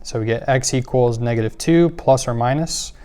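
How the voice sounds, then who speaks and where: A man's voice: medium pitch, moderate pace, clear, resonant tone. A man teaching a math lesson, walking through worked examples step by step with occasional fillers. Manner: steady step-by-step explaining with fillers.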